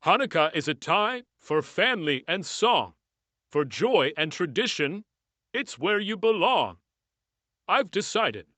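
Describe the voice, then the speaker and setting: A woman voicing a kindly, grand old Santa Claus from a storybook, with slow, benevolent pronouncements. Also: fairly low pitch, big pitch swings, a bit bright, no room sound, pitched below the performer's own voice, heavily acted. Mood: warm, approving. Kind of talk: storybook character voice.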